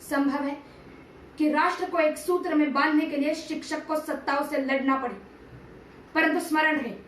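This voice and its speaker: Here a woman with a high voice recites a TV serial monologue as an amateur, taking on the role of a stern, patriotic male teacher-statesman from ancient India. It's dramatic oratory: solemn, declamatory, and formally worded. Faint background noise and a distant mic give the recording a roomy feel.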